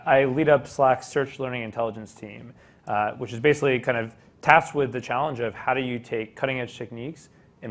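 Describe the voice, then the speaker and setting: A man giving conversational explanations as a tech panelist. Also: medium pitch. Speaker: panelist, tech team lead.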